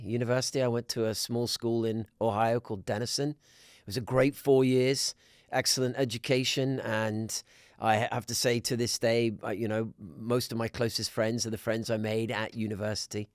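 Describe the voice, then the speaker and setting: A middle-aged man from Scotland, a podcast guest talking in a measured way with many restarts. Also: mid-range voice, steady tone, dry recording, studio quality. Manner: measured, with frequent restarts and fillers. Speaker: guest, business council president. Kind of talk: conversational podcast interview.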